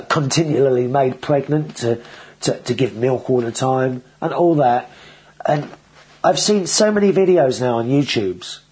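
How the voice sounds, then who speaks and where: A man's voice: mid-range voice, warm tone, poor audio. A man hosting a casual video show, talking in a chatty, rambling way with frequent restarts. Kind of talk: casual vlog monologue.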